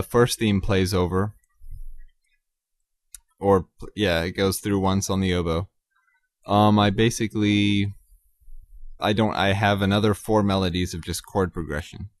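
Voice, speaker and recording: A man hosting his own podcast, talking casually and haltingly about composing, with many ums and self-corrections. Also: deep voice, dry recording, studio quality. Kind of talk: casual solo talk about his music.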